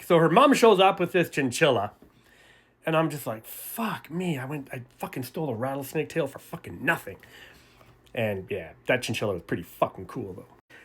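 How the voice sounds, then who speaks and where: Middle-aged guy swearing his way through a story, voice jumping all over, kinda high. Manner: profane, animated storytelling that acts out voices. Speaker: sobriety vlogger. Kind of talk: casual storytelling to camera.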